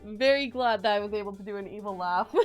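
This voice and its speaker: A woman giving casual gameplay commentary as she plays and voices characters, excitable and amused by herself. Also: medium pitch, fast talker, soft background music. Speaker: game player voicing the characters.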